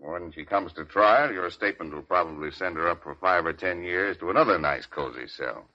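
A man's voice: low-pitched, a little fast, natural voice. An actor playing a sardonic, needling 1930s beat cop, a hard-boiled city policeman in a vintage radio crime drama. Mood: needling, menacing. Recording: dull vintage radio recording.

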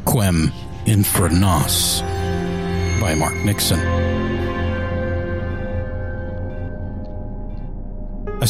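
A man narrating a written story in a literary audiobook style. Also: on the low side. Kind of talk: dramatic scripted story narration. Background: music score.

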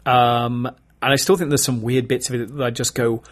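A man's voice: mid-range voice, little pitch movement. A man co-hosting a casual film podcast, rattling off long opinions with frequent laughs. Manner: fast, rambling opinions with laughs. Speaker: podcast co-host. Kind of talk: casual chat, film review.

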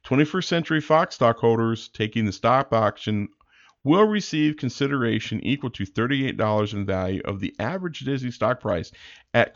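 A man's voice: medium pitch, lo-fi sound. A man co-hosting a podcast, reading items and tossing in wry, joking asides in a casual way. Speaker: podcast co-host.

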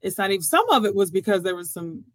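A woman hosting an interview, chatty and affirming, quick to praise her guest. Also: mid-range voice, very animated, no echo, low-quality recording. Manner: affirming, chatty, laughs easily. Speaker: interviewer, host. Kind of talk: conversational interview.

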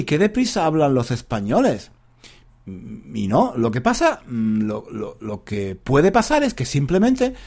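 A male Spanish teacher talks in a loose, chatty monologue with a somewhat high voice. His pitch swings widely as he speaks straight to his listeners. He wanders off topic and chuckles at himself when he loses his thread. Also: a little mellow. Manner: addresses listeners directly. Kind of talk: casual rambling lesson monologue.

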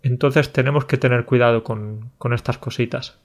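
A man's voice: medium pitch, fairly even intonation, moderate pace. Playful man co-hosting a podcast. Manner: friendly teasing, playful. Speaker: podcast co-host. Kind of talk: casual chat about Spanish loanwords.

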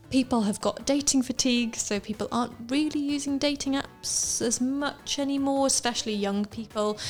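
A woman in her twenties hosting a podcast in casual, chatty talk, laughing easily and using lots of fillers. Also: a little high. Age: 20s. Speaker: podcast host. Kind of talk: casual chat.

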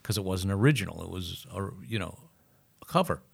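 A man's voice: sits low, fairly quick, gravelly. An older man, a musician guest, telling anecdotes in a casual interview and slipping into the voices of people from his stories. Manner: lively storyteller who slips into voices of people in his stories.

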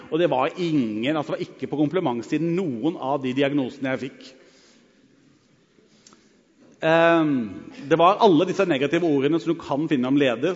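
Middle-aged male preacher, fairly high voice, story-driven sermon with lively and hushed stretches, recorded dull in a reverberant hall.

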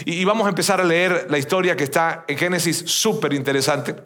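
A man's voice: on the high side, fairly quick, fairly bright tone. A man in his fifties from Venezuela, a pastor giving a conversational sermon to his congregation, often repeating words and checking in with "you know?". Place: church before a congregation.

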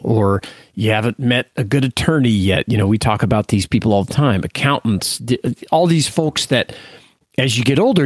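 A man's voice: fairly low pitch, husky, no echo. Easygoing man, dry close mic. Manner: easygoing, laughs at himself, plain talk. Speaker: podcast co-host. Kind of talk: casual podcast chat.

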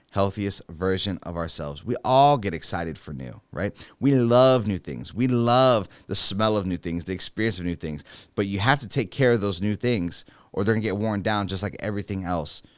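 A man's voice: deep voice, smooth, dry recording. A man who is a youth minister, giving an earnest, preacher-like devotional talk on a podcast and often asking "right?".

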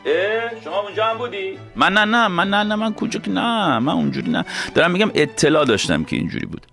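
Lively man hosting a chat show, storytelling with a bouncy voice and faint music behind. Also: sits high, gravelly. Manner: playful, animated storytelling. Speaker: host. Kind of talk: casual comedic chat.

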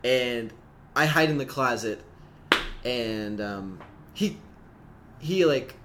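A man telling a story in casual chat, animated and laughing often. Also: mid-range voice, slow, background noise.

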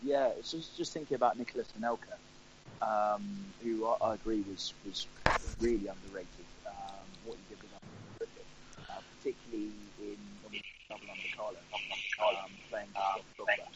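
A man's voice: on the low side, fairly even intonation, fairly quick. A man joining a football podcast over a crackly call line that fades in and out, talking hesitantly with frequent ums and restarts. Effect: crackly remote call line that fades in and out. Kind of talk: casual football chat. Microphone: remote phone or computer call. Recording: muffled crackly call line with faint hiss.

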